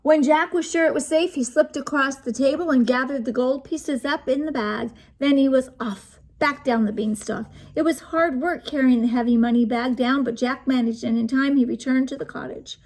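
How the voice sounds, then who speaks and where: A woman reading a storybook aloud to children, lively and inviting them to join in. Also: sits high, moderate pace, few pauses.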